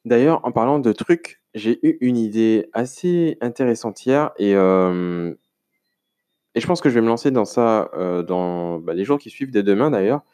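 A man's voice: fairly low pitch, animated, normal speed, mellow. A man from France talking alone on his podcast, rambling casually with many fillers and restarts and speaking to the listener informally. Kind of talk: casual solo podcast monologue.

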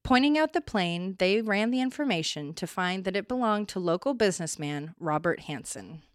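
A woman's voice: on the low side, animated, normal speed, no echo, studio quality. A woman hosting a true crime podcast, reading a scripted account and breaking in with blunt, opinionated asides.

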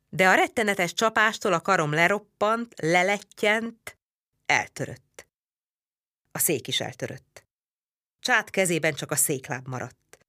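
A woman reads a historical novel in a measured storytelling voice. Her pitch sits a little low, yet the tone is bright and forward. The recording is dry and close, with no room sound. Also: no room sound. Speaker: audiobook narrator. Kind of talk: audiobook reading of a historical novel.

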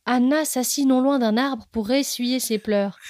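A woman narrating a children's story as a podcast storyteller, reading gently and expressively. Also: on the high side, measured pace, no echo, clean studio sound.

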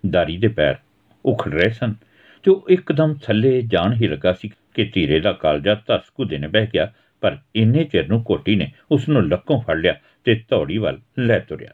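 A man's voice: on the low side, big pitch swings, moderate pace. A man reading a village story aloud, narrating and acting out the quarrels between the characters. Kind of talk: storytelling narration with acted dialogue. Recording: tinny phone-like audio.

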